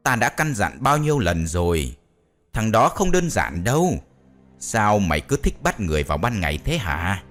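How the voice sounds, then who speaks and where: A man's voice: fairly low pitch, sing-song, moderate pace, fairly bright tone, faint music behind. A man voicing a scheming male sorcerer who keeps ghosts, talking in a scolding, grudging way.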